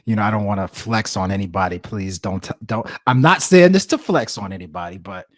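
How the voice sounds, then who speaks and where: A man's voice: on the low side, expressive, a little fast, fairly bright tone, no echo, studio quality. A man co-hosting a casual comedic podcast, joking in slang and often repeating his phrases. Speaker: podcast co-host.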